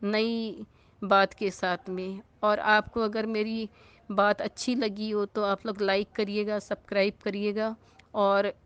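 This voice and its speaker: A woman's voice: medium pitch, little pitch movement, slow pace, clear, resonant tone, dry recording, dull audio. A woman telling a spiritual moral story in a conversational way, often checking in with her listeners. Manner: conversational, with frequent tag questions.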